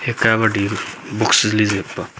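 Holding his phone camera in a room at home, a middle-aged Pakistani Punjabi-accented vlogger presents school supplies in a casual show-and-tell. His low voice is completely flat at normal speed, and he keeps repeating "okay" and "mashallah" over loud background noise.

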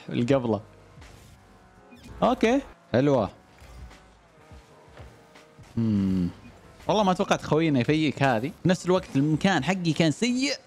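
A young man commentating on his own gameplay, cheering and groaning at the plays. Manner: excitable, shouts and cheers at plays, jumps from low mutters to high yells. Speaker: gaming YouTuber.

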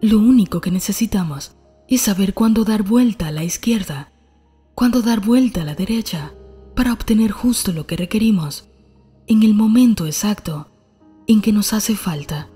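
Soft breathy woman narrating calmly. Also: medium pitch, normal speed, soft background music. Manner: calm, soft, breathy reading. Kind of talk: scripted narration.

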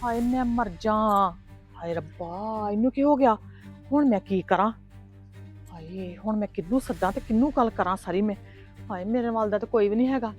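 A woman's voice: mid-range voice, a little fast, darkish tone, soft background music, lightly acted. An actress with a Punjabi accent playing a scheming, defensive mother who wails and exclaims melodramatically. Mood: self-pitying. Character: scheming middle-aged mother, shrill and defensive. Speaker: mother of grown sons. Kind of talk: village family web drama.

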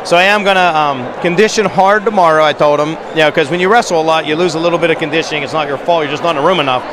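A middle-aged man, a wrestling coach, giving an animated postgame interview into a handheld mic in a high school gym. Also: very fast. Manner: animated, gesturing while standing. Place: high school gym, large indoor space. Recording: noisy gym background.

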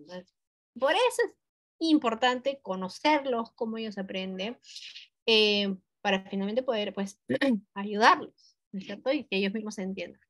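A woman teaching a webinar for teachers on a video call, talking conversationally with many tag questions and fillers, and clearing her throat often. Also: fairly high pitch, a bit bright. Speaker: English teacher leading a webinar. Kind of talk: live online teacher talk.

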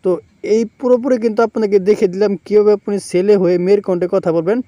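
Quick, high-voiced man explaining steps. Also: dark tone, no room sound, dull audio. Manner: repetitive step-by-step explaining, filler "কিন্তু". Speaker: tech tutorial host. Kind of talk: screen-recorded app tutorial.

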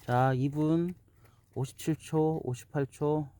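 A man's voice: on the high side, steady tone, slow pace, mellow, no room sound. A man casually narrating a homemade pet video outdoors while he films, now and then chatting to the animal. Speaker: vlogger filming own dog. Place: outdoors in an apple orchard.

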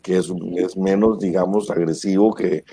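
A man hosting a casual chat, speaking in measured, searching phrases. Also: deep voice, fairly even intonation, warm tone, breathy edge.

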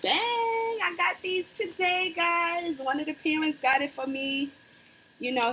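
Upbeat lady doing a mukbang at home, kinda high voice, air con humming loud in the back. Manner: upbeat, chatty, keeps calling viewers "guys". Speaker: mukbang vlogger. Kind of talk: casual chat to camera while eating. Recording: noisy home recording with air conditioner hum. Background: air conditioner running.

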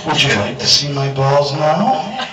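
An older man playing an earnest baker guest in a live pub comedy sketch, deadpan and matter-of-fact. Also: a little high, unhurried. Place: crowded pub. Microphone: handheld mic. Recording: echoey pub, far mic, loud crowd.

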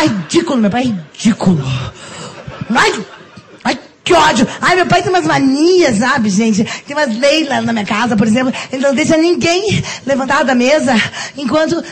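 A woman with a Brazilian accent playing a melodramatic teenage girl who is fed up with her family. She sighs in exasperation and wheedles in pleading tones. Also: high-pitched. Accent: Brazilian Portuguese. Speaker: comedian in character. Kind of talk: stage comedy monologue. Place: theater stage.

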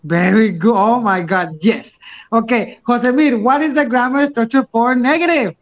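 Very high-voiced male teacher. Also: unhurried. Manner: encouraging, switches between English and Spanish. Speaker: English teacher. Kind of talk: online class instruction.

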